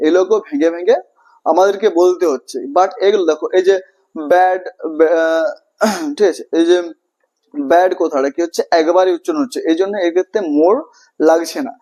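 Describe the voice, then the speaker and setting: A man's voice: high-pitched, normal speed, long pauses, dark tone. A man with a Bengali accent teaching an English grammar lesson, repeating words and asking and answering his own questions. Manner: repetitive, checks understanding often, asks and answers own questions.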